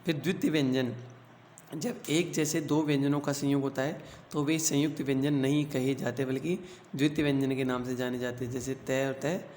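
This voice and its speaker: Schoolteacher, male, mid pitch, patient and methodical. Poses questions and answers them himself. Roomy sound. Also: steady tone, a little mellow. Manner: explains slowly, asks the class questions and answers them himself. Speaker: teacher. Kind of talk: grammar lesson for schoolchildren. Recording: echoey room with faint hum.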